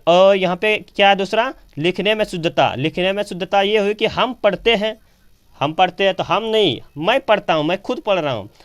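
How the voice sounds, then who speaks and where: A man's voice: high-pitched, animated, normal speed, hardly any pauses, smooth. A man teaching a grammar lesson on camera, asking questions and answering them himself, often repeating key phrases. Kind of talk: classroom lecture on grammar. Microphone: camera operator recording.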